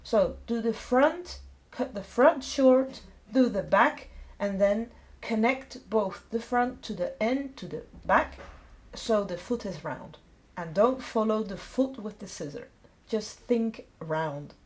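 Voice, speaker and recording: With lively intonation and a slow pace, this mid-range female voice belongs to a middle-aged dog groomer from Belgium. English is not her first language, and she explains her grooming tutorial informally, one simple step after another.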